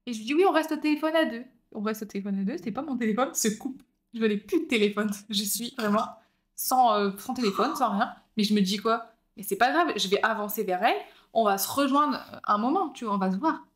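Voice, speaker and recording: A young woman tells a story in relaxed podcast chat, with a voice that sits a little high. She slips into the people she quotes and keeps the telling animated. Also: brisk. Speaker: podcast co-host.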